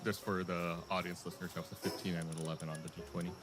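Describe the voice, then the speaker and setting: A man's voice: low-pitched, little pitch movement, rapid-fire. A man narrating a tabletop role-play game as game master, in a casual improvised way. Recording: music behind the voice.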